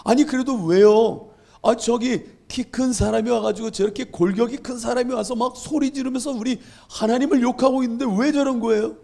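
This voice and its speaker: Man doing a nosy young shepherd boy asking why, a bit higher and gravelly. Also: fairly even intonation, a little fast, warm tone. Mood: curious. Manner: insistent questioning. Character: curious eager shepherd boy.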